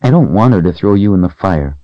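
A man voicing a timid, lonely little girl who speaks in a soft, wistful and fearful way. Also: low-pitched, lively intonation, a little fast, no echo, highs cut off.

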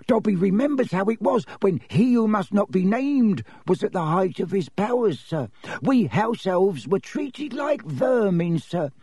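Voiced by a man, a small house elf from a storybook pleads in a very high, husky voice that swings widely in pitch, sounding tearful and reverent. Fearful and servile, it refers to itself in the third person and fawns obsequiously, at a measured pace with a dark tone. The full character performance sounds close and dry, with no echo.

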